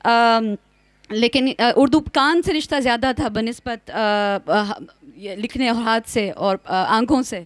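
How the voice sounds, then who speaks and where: A woman's voice: a little high, no room sound. A woman moderating a panel conversation, fluent and often switching into English phrases. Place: outdoor university courtyard event.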